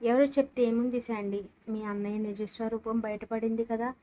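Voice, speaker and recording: A woman's voice: on the high side, little pitch movement, moderate pace, warm tone, close to an everyday voice, low-quality recording. A woman voicing a hurt young wife who pleads through tears. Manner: pleading, tearful.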